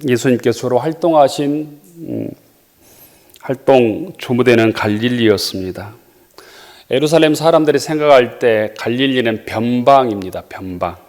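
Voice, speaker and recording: A man delivering a sermon as pastor, reading scripture verses in a measured way and pausing with small fillers. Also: medium pitch, darkish tone. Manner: frequent hesitation fillers.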